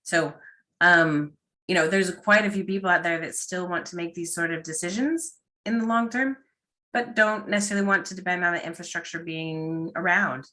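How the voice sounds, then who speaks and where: A woman's voice: fairly low pitch, normal speed, bright, forceful tone. A woman speaking as the guest in a casual online panel discussion, enthusiastic, with plenty of ums and likes. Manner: enthusiastic, talks with fillers.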